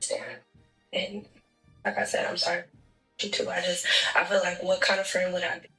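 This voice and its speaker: A woman's voice: fairly low pitch, little pitch movement, normal speed, bright, forceful tone, echoey room, far from the mic, faint music behind, rough recording. A woman speaking in character during a game roleplay, firm yet consoling, like a big sister setting a friend straight. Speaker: roleplay gamer.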